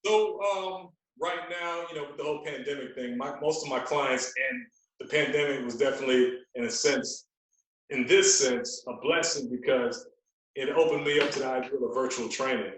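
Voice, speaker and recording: A fitness trainer appears as a guest on a podcast, talking casually and explaining things emphatically, repeating phrases to drive his points home. His mid-range voice is fairly bright and moderately paced. He sits far from the mic in a very echoey, roomy space.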